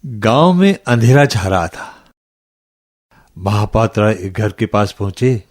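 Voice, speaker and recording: This is a kindly old grandfather storyteller with a lowish voice. He takes his time and builds a spooky tale dramatically for listening children. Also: expressive. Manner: slow, dramatic, unhurried storytelling.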